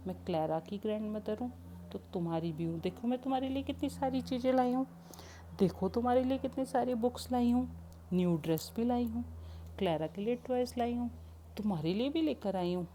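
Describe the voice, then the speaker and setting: A woman's voice: on the low side, fairly quick, dark tone, slight background noise, natural voice. A woman voicing a kindly, affectionate grandmother who coos and comforts in a raised, sing-song voice in a spoken storybook. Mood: doting. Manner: cooing, comforting.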